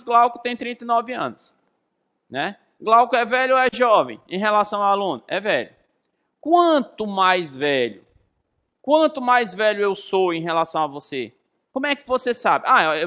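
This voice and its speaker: This physics teacher, a man in his thirties with a Brazilian accent, has a high, sing-song voice with a sharp tone and normal speed. He teaches emphatically and didactically, asking rhetorical questions and repeating key phrases.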